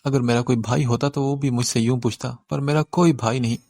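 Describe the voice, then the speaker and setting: A man's voice: steady tone, a little mellow, dry recording, studio quality, lightly acted. A man reading an audiobook voices a tearful, hot-tempered young woman who cries one moment and threatens the next. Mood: tearful, bossy. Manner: sobbing complaints turning to shrill threats.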